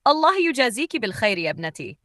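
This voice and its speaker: Woman voicing a calm, wise disguised rich man. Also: a little high, racing, no echo, studio quality. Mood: calm, weary.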